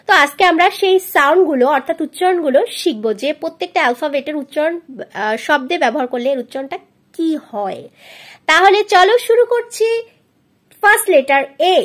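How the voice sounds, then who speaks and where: A woman with a Bengali accent teaching letter sounds to children, modeling each sound slowly and clearly. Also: sits high. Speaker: English teacher on a video channel. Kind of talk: phonics lesson for children.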